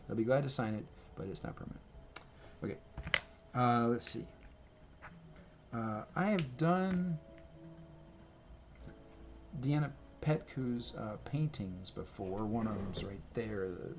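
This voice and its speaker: A man with a medium-pitched voice and vocal fry talks chattily to his camera at home, rambling and self-correcting as he shows things off. This casual vlog talk, recorded on the camera mic indoors, has background noise.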